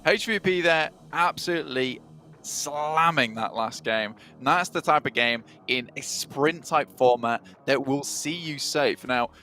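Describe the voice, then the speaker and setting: A man's voice: medium pitch, unhurried, pushed and bright. A man casting an esports match, running through standings and points. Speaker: caster. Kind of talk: esports commentary.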